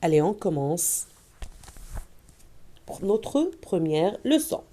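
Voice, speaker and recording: A woman teacher walking parents through an early reading lesson, modeling vowels and words slowly for children. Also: on the low side, sing-song, mellow, a little hiss or hum.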